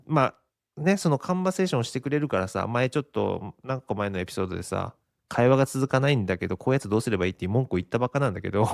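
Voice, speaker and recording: A man's voice: mid-range voice, no echo, clean studio sound. A Japanese man in his forties hosting a casual solo podcast, rambling and chuckling often at his own expense. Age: 40s. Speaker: podcast host.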